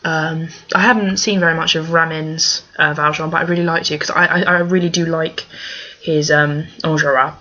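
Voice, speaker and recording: A young woman with a slightly low, husky voice talks casually through a fan questionnaire. She is gushing and emphatic, often halting and drifting into asides. The recording is dull and lo-fi. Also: fairly even intonation, pushed and bright. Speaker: fan answering a question tag. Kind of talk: casual chat to camera. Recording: dull lo-fi microphone.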